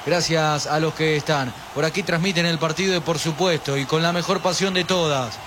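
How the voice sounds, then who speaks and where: High-voiced Argentine man hyping a stream. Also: normal speed. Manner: animated, reads viewer chat aloud, pushes for likes. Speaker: football stream narrator. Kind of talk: live pre-match stream commentary. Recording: steady background noise.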